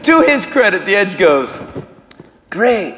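A man telling a self-mocking story on stage as a stand-up comedian, animated and acting out voices. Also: sits high, normal speed, slight background noise. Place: comedy stage before a crowd. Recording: roomy live venue with audience.

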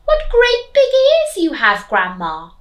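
A woman's voice: very high-pitched, huge pitch swings, slow pace, echoey room, voice pushed up, exaggerated voice. A woman voicing a bold, innocent-sounding little storybook girl in an exclaiming, sing-song way. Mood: wide-eyed.

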